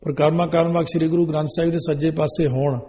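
A man's voice: fairly high pitch, fairly even intonation, quick pace, dark tone, long reverb tail. A man preaching a religious sermon, laying out rules one by one and reciting scripture verses in a chanting cadence. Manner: instructive, rule-listing delivery. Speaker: Sikh preacher. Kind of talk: religious sermon on wedding rites.

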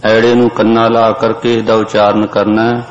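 A man teaching how to pronounce sacred verses. He chants each line slowly, then explains it plainly. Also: on the low side, level tone. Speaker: scripture recitation teacher. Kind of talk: slow chanted recitation with spoken pronunciation notes. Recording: dull lo-fi audio with long hall reverb.

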